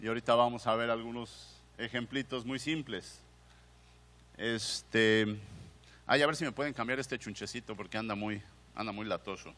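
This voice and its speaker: Bright-voiced Mexican man lecturing in a hall. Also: medium pitch, steady tone, moderate pace. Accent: Mexican Spanish. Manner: conversational, asks the audience questions, frequent restarts. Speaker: museum director giving a conference talk. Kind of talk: conference lecture. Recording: long hall reverb.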